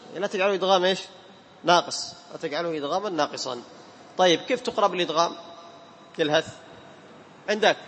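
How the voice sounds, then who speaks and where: A man teaching Quran recitation in a classroom, patiently quizzing students and chanting verses slowly. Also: high voice, fairly bright tone. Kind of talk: classroom tajweed lesson. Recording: hall reverb, faint room noise.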